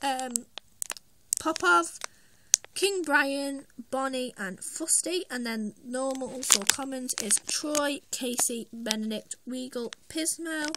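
A woman doing an excited toy unboxing review, who talks eagerly and squeals when she finds something new. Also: sits high, takes it slowly. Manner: excitable, squeals names of toys. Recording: loud background noise, packaging crinkling.

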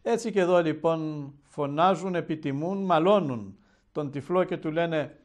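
Solemn bishop with a fairly high voice. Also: male voice, darkish tone. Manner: measured, solemn storytelling delivery. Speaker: Orthodox metropolitan bishop. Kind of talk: televised Gospel sermon.

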